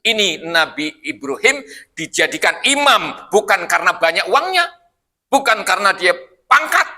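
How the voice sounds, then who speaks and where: Bright-voiced joking male preacher. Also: high voice, very animated, moderate pace. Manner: jokey, asks the congregation questions. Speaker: mosque preacher. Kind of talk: casual evening Quran study sermon. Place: mosque.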